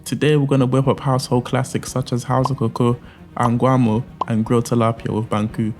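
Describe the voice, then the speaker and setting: A man's voice: medium pitch, little pitch movement, brisk, over music. A young man, cooking in a home kitchen and chatting in a playful, jokey, slangy way. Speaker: cooking vlogger. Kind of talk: casual cooking vlog.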